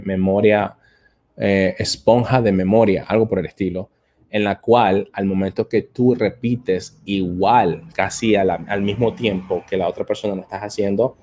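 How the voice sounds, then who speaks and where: A man's voice: fairly low pitch, a little mellow. A man hosting a live-stream English lesson, answering viewer comments in a hesitant way, with many filler sounds and repeated words. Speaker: English teacher and host.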